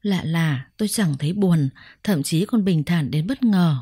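A woman narrating a first-person story in a measured, reflective way. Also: lowish voice, mellow, husky, dry recording, clean studio sound.

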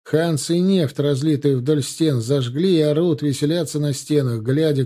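An experienced soldier of an audiobook, calm and matter-of-fact as he recounts past battles, read by a man. The tone is warm and mellow, held at a moderate middle pitch. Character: veteran male soldier, calm storyteller. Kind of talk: audiobook character voice.

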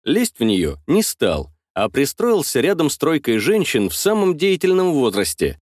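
A man's voice: on the high side, huge pitch swings, normal speed, a little mellow, dry recording, studio quality. A man narrating an audiobook in the first person, wry and colloquial.

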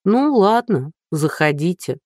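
A woman's voice: lowish voice, very animated, slow, a little mellow, dry recording, clean studio sound, exaggerated voice. A reader voicing a flustered, anxious blonde woman in her thirties, firing off nervous questions. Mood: wary.

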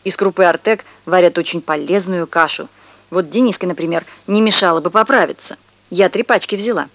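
A woman voicing a fussy, high-strung middle-aged neighbor who fusses over her dog, in a shrill, squealing voice, for an audiobook. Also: fairly quick, a bit bright, dry recording. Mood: bossy. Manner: indignant, high-strung, scolding. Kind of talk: audiobook character reading.

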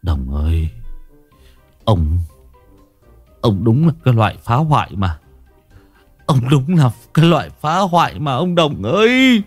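Narrator voicing a fed-up young villager, lamenting, lowish voice. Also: male voice, big pitch swings, unhurried, long pauses, slightly rough, no room sound, faint music behind. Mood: exasperated. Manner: groaning, lamenting. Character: exasperated young village lad.

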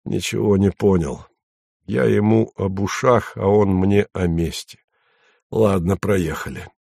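A man's voice: sits low, a little slow, vocal fry, a little mellow, no room sound, studio quality, full character voice. A man voicing a coarse, scornful, threatening grown man who mocks his listener. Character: menacing adult man, coarse, scornful villain.

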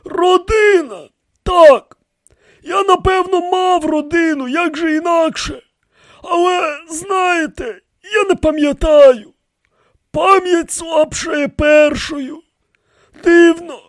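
This is an ancient, frail high priest from an audiobook. He wails in a shrill, quavering voice pushed far above a man's range. He drags his words out slowly and half-shouts them, close and dry. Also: steady tone, dry recording. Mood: pleading. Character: ancient frail male high priest, seven thousand years old. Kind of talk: audiobook character voice.

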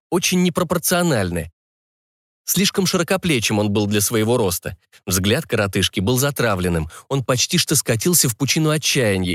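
Animated male audiobook narrator. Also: medium pitch, no room sound, clean studio sound. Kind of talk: scripted first-person narration.

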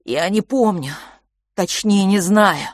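A woman's voice: medium pitch, no echo, pitched above the performer's own voice. A woman voicing a frightened young boy close to tears who stammers and breaks off mid-sentence. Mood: frightened halting. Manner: halting, stammering, unsure.

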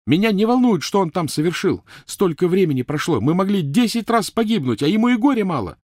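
A man's voice: big pitch swings, fairly quick, no room sound, studio quality. Hermione, a man putting on a shrieking furious girl. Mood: sarcastic. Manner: shrill, shouting, biting sarcasm.

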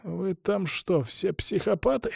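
A man's voice: unhurried, creaky, a little mellow, breathy edge, dry recording, clean studio sound, heavily acted. A man voicing a frightened, poisoned middle-aged boss who wheezes and chokes out his words in a strained voice. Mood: choking. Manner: panicky and pleading, higher than the narrator. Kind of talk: audiobook character reading.

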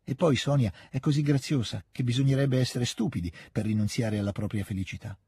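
A man voicing a thoughtful, reserved young officer in an audiobook reading, speaking quietly and measured. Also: medium pitch, steady tone, breathy edge, no echo, studio quality. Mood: subdued.

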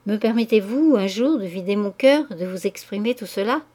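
A woman's voice: medium pitch, lively intonation, normal speed, natural voice. A woman reading an ardent young lover. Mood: ardent pleading. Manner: ardent, pleading, hushed. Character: passionate young man declaring his love.

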